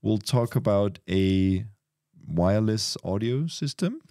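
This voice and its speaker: A man hosting a casual podcast, talking with a cold in a relaxed, rambling way. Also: lowish voice, slow, dry recording, studio quality. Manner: relaxed, rambling, restarts often. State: has a cold. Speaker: podcast host.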